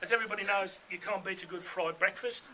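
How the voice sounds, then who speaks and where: Male, middle-aged; piercingly bright, high-pitched voice; jokey, conversational wedding speech. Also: fast, slight background noise. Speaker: father of the bride giving a speech. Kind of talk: informal wedding speech with comic anecdotes. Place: room full of wedding guests.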